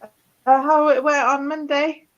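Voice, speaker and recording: A woman's voice: sits high, flat delivery, slow pace, muffled recording. A woman chatting casually with friends over a video call, her audio breaking up and dropping out as she asks short questions. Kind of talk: casual chat.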